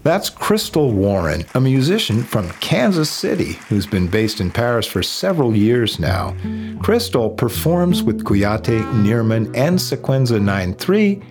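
Lively-toned male radio reporter. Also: mid-range voice, a little slow, soft background music. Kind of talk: scripted narration.

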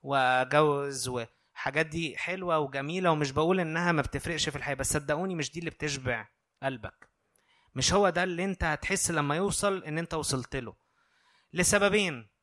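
Fast, bright-voiced Egyptian preacher man. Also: fairly high pitch. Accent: Egyptian Arabic. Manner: earnest, conversational, checks in with listeners. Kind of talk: sermon.

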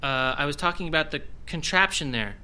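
A man's voice: a little high, lively intonation, a little fast, sharp tone, clean tone. A man voicing an earnest young IT technician with a dry, exasperated manner.

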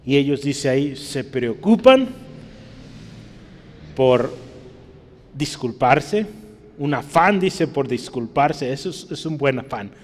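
A man's voice: mid-range voice, a little slow, long reverb tail. A male pastor preaching a sermon, punctuating his points with "¿verdad?" and climbing to emphatic peaks.

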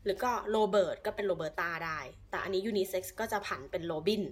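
A woman co-hosting a relaxed podcast in an easygoing, chatty way. Her voice sits at a middling pitch. Now and then she slows down to spell out names letter by letter. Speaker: podcast co-host. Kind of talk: casual podcast chat.

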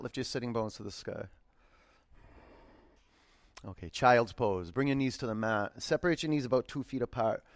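Man gently guiding a yoga class. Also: mid-range voice, dry recording. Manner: unhurried, encouraging, informal, repeats cues gently. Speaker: yoga teacher. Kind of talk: guided yoga class instruction.

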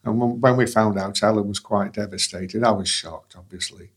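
A man, speaking in a measured way with restarts in an interview. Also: fairly low pitch, steady tone, breathy edge. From England. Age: 60s. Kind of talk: conversational interview.

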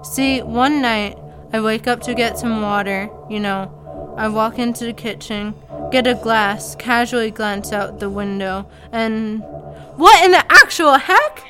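A woman's voice: fairly high pitch, fairly even intonation, measured pace. A woman narrating a comedic story in a casual, sarcastic way. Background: faint background music.

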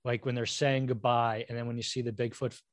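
A man's voice: medium pitch, flat delivery, a little fast, dry recording. Man, casual movie chat, rambling, self-deprecating, dry close sound.

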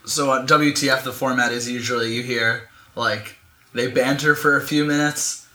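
A man's voice: mid-range voice, steady tone, normal speed, pushed and bright. A young man from New York City hosting a podcast, asking questions with dry jokes. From New York City, USA. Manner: dry joking, asks questions. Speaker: podcast host. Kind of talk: casual chat. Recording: echoey room with faint noise.

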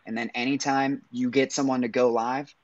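A man's voice: mid-range voice, level tone, moderate pace, no room sound. Man giving casual advice over a dull line. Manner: practical and conversational, frequent "I mean" fillers. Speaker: guest sharing business advice. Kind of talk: casual chat.

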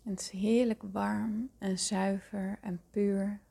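Zachte, trage vrouwenstem voor geleide meditatie. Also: female voice, medium pitch, little pitch movement, slow pace, gravelly, dark tone, husky. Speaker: podcast host guiding a meditation. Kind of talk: guided meditation.

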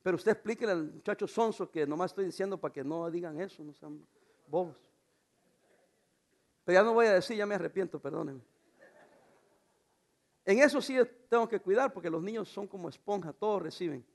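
High-voiced preaching pastor, a man. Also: a little fast, gravelly, long pauses. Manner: animated preaching with rhetorical questions and humor. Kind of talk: sermon.

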